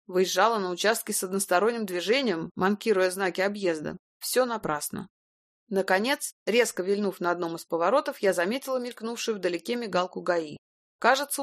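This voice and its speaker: A woman reading a first-person detective novel aloud in a brisk, wry, even narrating manner. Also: mid-range voice, dry recording, clean studio sound. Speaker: audiobook narrator.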